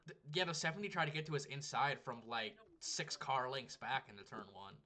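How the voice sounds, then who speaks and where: A young man co-commentating an online sim race in a relaxed, chatty way, explaining incidents. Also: medium pitch, fairly quick. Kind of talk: casual sim racing commentary.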